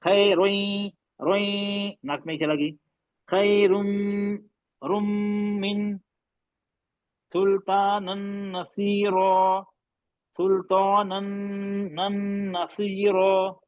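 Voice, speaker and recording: A man teaching a recitation class, patiently explaining and slowly drawing out and repeating recited words. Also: sits high, steady tone, no room sound, muffled recording.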